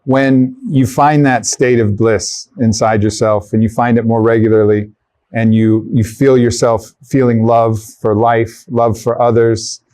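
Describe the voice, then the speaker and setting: A man's voice: mid-range voice, little pitch movement, a little slow, a little mellow, far from the mic. A man hosting an interview, speaking reflectively and agreeably, sometimes searching for words. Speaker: podcast host. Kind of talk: interview conversation.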